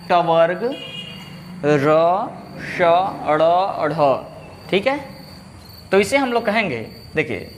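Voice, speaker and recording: A man teaching a grammar lesson, asking questions and then repeating each answer slowly for his students. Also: high voice, a bit bright, long reverb tail, slight background noise.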